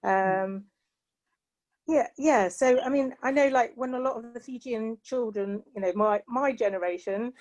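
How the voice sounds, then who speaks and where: A slightly high, darkish voice that takes its time belongs to this middle-aged panel guest from England. Speaking with a British accent, she shares heartfelt personal reflections and often says "you know."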